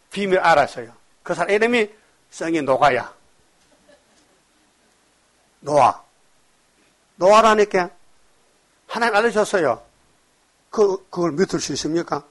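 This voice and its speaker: A high-voiced male pastor preaches with emphasis, firing rhetorical questions at the congregation. His delivery swings between loud exhortation and quiet asides.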